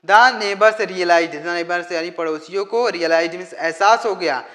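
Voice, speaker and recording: A man teaching an English lesson, explaining a story in Hindi and translating it phrase by phrase in a slow, deliberate way. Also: high-pitched, a bit bright, roomy sound, long reverb tail.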